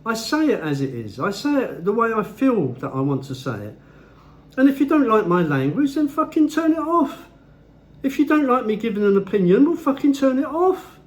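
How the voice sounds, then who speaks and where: A man's voice: extremely high pitch, very animated, normal speed. A man ranting in his own vlog, blunt and heavily profane, talking at home. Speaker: vlogger.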